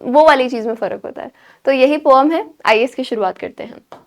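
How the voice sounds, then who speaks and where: Young woman teacher, high bright voice, patient, explains a poem step by step. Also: fairly quick. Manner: explains patiently, keeps checking in with students. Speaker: English teacher. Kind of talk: Hinglish poetry lesson.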